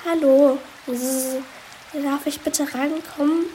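A woman voicing a small, soaked, timid female bee in a children's storybook, with a high, soft, sniffling voice. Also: steady tone, slow, slight background noise. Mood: pleading. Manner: sniffling, downcast.

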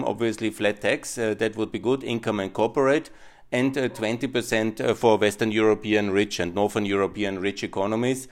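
A middle-aged Austrian man hosts his own podcast in accented, non-native English. His voice is low and smooth, with a clear resonance. He speaks earnestly but haltingly, pausing on many filler sounds. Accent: Austrian German. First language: German. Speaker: podcast host. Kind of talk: monologue on policy.

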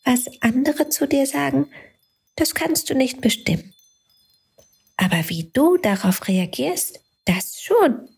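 A woman voicing a tiny, kind talking light that speaks in a soft, comforting, encouraging way. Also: on the high side, lively intonation, slow pace, slightly rough, voice pushed up, full character voice. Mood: gentle, caring.

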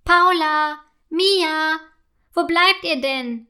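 A woman's voice: high voice, measured pace, a bit bright. A woman voicing a stern but fair mother who scolds with exasperation.

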